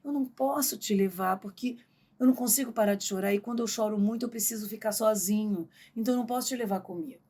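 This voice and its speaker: A woman's voice: mid-range voice, fast, mellow, breathy edge, lightly acted. A woman with a Brazilian accent voicing sadness as a weeping, withdrawn male figure in a told fable. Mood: plaintive. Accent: Brazilian Portuguese.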